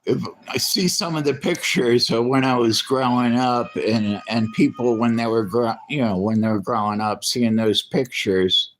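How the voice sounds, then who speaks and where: A man in his fifties reminiscing casually about growing up, rambling and halting with many fillers and restarts. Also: mid-range voice. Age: 50s.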